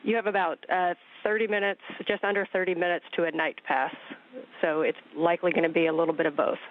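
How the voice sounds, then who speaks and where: High-pitched man on narrow radio link. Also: fast talker. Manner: calm, careful, step-by-step. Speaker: mission control communicator to spacewalkers. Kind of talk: procedural radio instructions.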